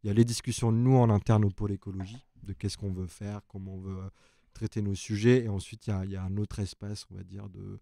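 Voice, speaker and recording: A man's voice: fairly low pitch, flat delivery, fast, gravelly, mellow, no room sound, clean studio sound. A man who works as a journalist on an ecology desk, explaining at length and thinking aloud in a casual live chat from an open newsroom.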